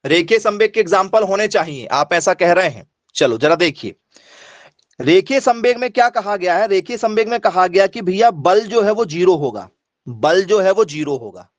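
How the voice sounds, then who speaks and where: A male teacher with a fairly high voice runs an online class, repeating each point and firing questions at his students. His voice is recorded dry and close, with no room echo. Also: expressive, normal speed. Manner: repetitive, quizzing students, asks for yes or no replies.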